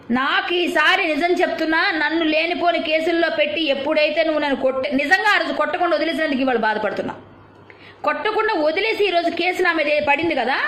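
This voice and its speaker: A woman's voice: high-pitched, a bit bright. A woman delivering an angry, confrontational rant at a rival, firing off rhetorical questions and scolding. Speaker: video commentator. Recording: roomy echo.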